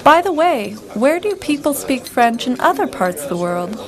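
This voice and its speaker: A cheerful young woman, lively voice. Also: high-pitched, normal speed, crowd noise. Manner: bright, expressive, clearly spoken. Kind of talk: scripted dialogue for English learners.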